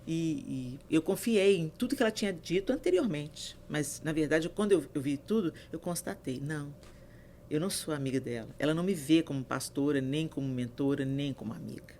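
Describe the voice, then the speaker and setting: A woman pastor telling a personal story as a podcast guest, earnest and soft-spoken, dropping to a hush when she repeats advice. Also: deep voice, animated, brisk, a little hiss or hum. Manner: soft-spoken, drops to a hushed voice for quoted advice. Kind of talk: earnest testimony in casual chat.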